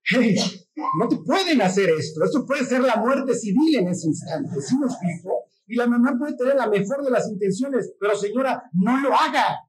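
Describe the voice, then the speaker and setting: A man with a Mexican accent preaching a sermon in a lively, joking way, often acting out the voices of the people in his stories. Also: very high voice, normal speed. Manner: mimics voices in quotes. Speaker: pastor.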